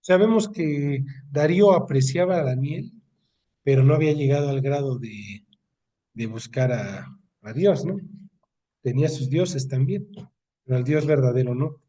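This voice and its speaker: A man's voice: medium pitch, normal speed, warm tone, distant mic. A man with a Mexican accent leading a Bible study, reading scripture aloud and explaining it in a conversational way, often checking in with "¿no?". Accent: Mexican Spanish. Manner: conversational, often asking ¿no? for agreement.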